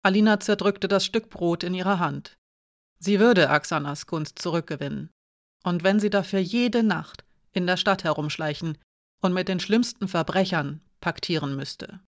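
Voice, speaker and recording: A woman narrating a fantasy audiobook in a calm, even storytelling manner. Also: on the low side, normal speed. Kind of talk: scripted narration.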